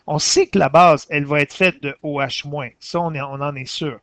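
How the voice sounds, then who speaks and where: Quebec French male teacher, gravelly and slightly high, dry close sound, methodical step-by-step explainer. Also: fairly even intonation, a bit bright, no echo. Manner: methodical, explains step by step, pauses to correct himself. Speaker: science teacher. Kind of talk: walking through exercise corrections.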